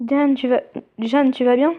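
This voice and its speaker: A woman's voice: high-pitched, steady tone, unhurried. A woman voicing a worried, curious young heroine from a mobile game, reading her questions aloud. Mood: questioning. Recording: tinny phone-like sound.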